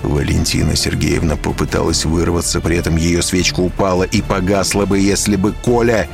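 A man narrating an audiobook in an expressive storytelling manner. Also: deep voice, moderate pace, gravelly, soft background music. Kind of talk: scripted narration.

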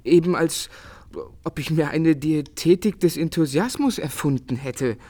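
Voicing a world-weary, melancholy artist in a literary radio drama, the actor sounds indignant, speaking with eloquent, earnest theatrical phrasing. His fairly high male voice is unhurried and warm.

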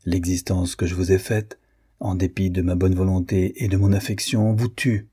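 A grave husband confessing his failings in a firm, cold, grieving tone, read by a man. The voice is low and mellow with a husky edge. It comes from a spoken audiobook. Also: level tone, normal speed. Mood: grave remorse. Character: stern, remorseful husband, grave and proud. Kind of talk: audiobook reading.

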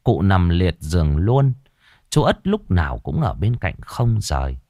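Deep-voiced man telling a ghost story. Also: sing-song, a little slow, dark tone, no echo, studio quality. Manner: dramatic, suspenseful delivery.

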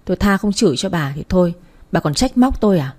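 A woman's voice: lowish voice, expressive, fast, darkish tone. A woman voicing a rude, arrogant young male taxi driver who hurls insults and threats in a read-aloud story. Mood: insulting.

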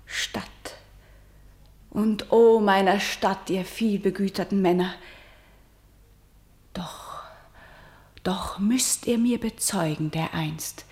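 An actress playing Antigone, a doomed young woman who is defiant and grieving, declaiming verse in a radio drama and swinging between loud cries and whispers. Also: mid-range voice, slow pace, pauses often, lightly acted. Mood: bitter. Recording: roomy studio echo.

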